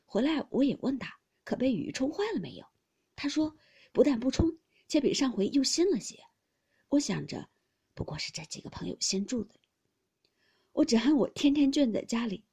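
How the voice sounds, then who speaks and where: A woman's voice: a little high, very animated, normal speed, creaky, darkish tone, husky, exaggerated voice. A woman voicing an emotional, sheltered young nobleman who speaks earnestly and pleadingly.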